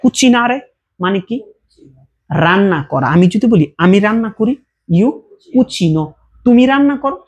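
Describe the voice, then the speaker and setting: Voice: mid-range voice, animated, moderate pace, pauses often, breathy edge, highs cut off. A teacher giving a casual language lesson, explaining verb forms patiently with repeated examples and check questions.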